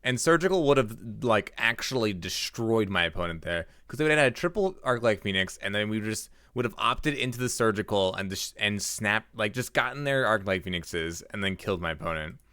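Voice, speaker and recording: Animated male streamer on a dry headset mic. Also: lowish voice, brisk, hardly any pauses, clear, resonant tone, no echo. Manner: chatty, reacts aloud while playing, talks to chat. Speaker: livestreamer and card game player. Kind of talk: live gameplay commentary.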